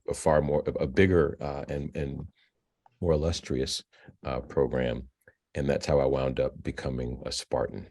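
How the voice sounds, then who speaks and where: A man in his fifties, interviewed about his career, talking in a halting way with frequent restarts and repeated words. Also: rumbling low, a little mellow. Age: 50s. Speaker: filmmaker and novelist, alumnus guest. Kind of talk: interview, conversational. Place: virtual interview.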